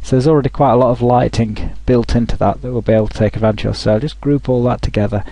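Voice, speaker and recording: A man talking through a software tutorial over a screen recording, thinking aloud with frequent restarts. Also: medium pitch, fairly even intonation, fast, dry recording, poor audio.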